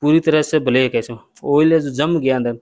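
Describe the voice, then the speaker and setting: Flat-voiced mechanic explaining. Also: male voice, medium pitch, brisk. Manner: plain step-by-step explaining, addresses viewers as friends. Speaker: bike mechanic. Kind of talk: workshop repair tutorial. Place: motorcycle repair workshop.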